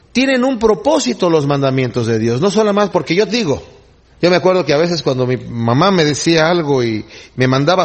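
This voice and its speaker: Guy preaching, pretty high voice, kinda husky, teaching through scripture. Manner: explanatory Bible teaching, varied pacing. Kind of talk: sermon.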